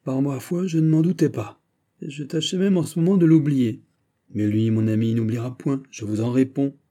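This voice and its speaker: A man voicing a proud, witty Gascon musketeer, animated and wry, in an audiobook reading. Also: mid-range voice, normal speed, pitched above the performer's own voice, lightly acted. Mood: wry, bitter.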